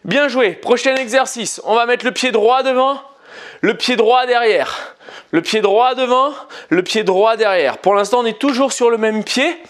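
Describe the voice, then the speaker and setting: A man's voice: very high-pitched, a little slow, a bit bright. A man coaching a home workout class, encouraging the viewer and counting out reps. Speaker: fitness coach. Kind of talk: guided home workout instruction.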